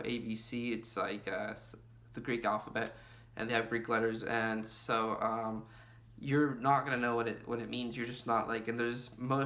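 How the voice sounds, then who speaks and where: A young man talks straight to camera with travel tips. His voice is bright and forward, and he chats loosely, filling his sentences with "you know" and "like" as he goes. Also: medium pitch. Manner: chatty, lots of fillers like "you know" and "like". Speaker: travel vlogger.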